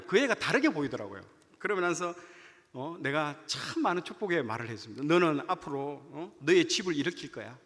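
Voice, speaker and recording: A man, a junior pastor, preaching a sermon and telling a personal story in an animated way, acting out the dialogue. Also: fairly high pitch. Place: church sanctuary. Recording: church hall reverb.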